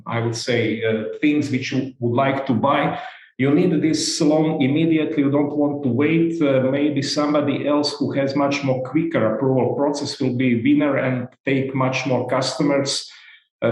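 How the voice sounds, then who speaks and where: A man from Croatia with a Croatian accent, English not his first language, giving a conference presentation in a halting way with many fillers. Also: mid-range voice, a little mellow, roomy sound, poor audio. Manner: halting, non-native phrasing with many fillers. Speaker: data analytics director. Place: virtual event recording.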